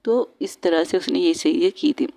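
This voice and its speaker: A woman's voice: fairly low pitch, unhurried, gravelly, dark tone, no echo. A woman narrating a romance story in a chatty way, correcting herself and talking straight to listeners.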